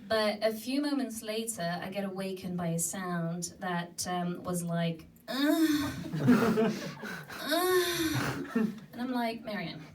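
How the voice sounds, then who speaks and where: A woman's voice: medium pitch, unhurried, crowd noise. A young woman from France with a French accent, performing a giggly, self-deprecating stand-up set. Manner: chatty, self-deprecating storytelling with frequent giggles. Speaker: stand-up comedian. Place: comedy club stage with a live audience. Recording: distant club recording with audience laughter. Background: audience laughing.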